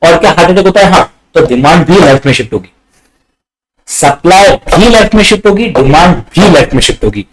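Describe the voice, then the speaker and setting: A man's voice: fairly high pitch, fairly quick, background noise. A man teaching economics in an online revision lecture, mixing Hindi with English terms, repeating points and quizzing his students. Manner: animated, repeats points, asks students questions.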